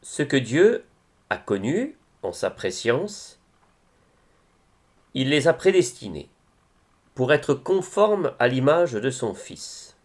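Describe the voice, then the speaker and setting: In a solemn manner, a man delivers devotional verse at medium pitch, pausing often and shaping each line with measured expression.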